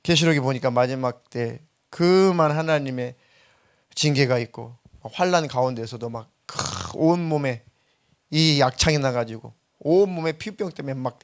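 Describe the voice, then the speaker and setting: A middle-aged man preaching a sermon as pastor, telling stories and acting out the quoted voices. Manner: storytelling, acting out quotes with sudden high-pitched bursts.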